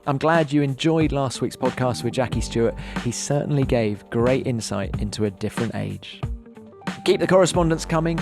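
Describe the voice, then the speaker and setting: A man hosting a podcast, friendly and upbeat as he interviews and signs off. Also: medium pitch. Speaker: podcast host. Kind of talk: podcast interview and scripted outro.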